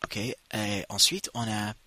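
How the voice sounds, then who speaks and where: Slow, bright-toned male language teacher. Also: on the low side, no echo. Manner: slow, drawn-out model phrases for repetition. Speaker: English teacher. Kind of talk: bilingual language lesson.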